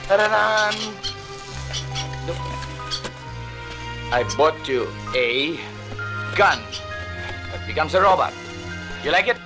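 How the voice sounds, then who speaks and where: An actor playing a supportive partner in a film drama, gently coaxing a young boy to eat. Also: on the high side, expressive, slow pace, pauses often, over music.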